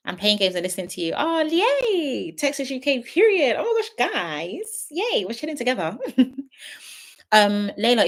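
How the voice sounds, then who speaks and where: Woman, late twenties, livestream host, casual and frank with viewers. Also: medium pitch. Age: 20s. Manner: chatty, gives frank big-sister advice to viewers. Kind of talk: casual livestream chat reading viewer comments.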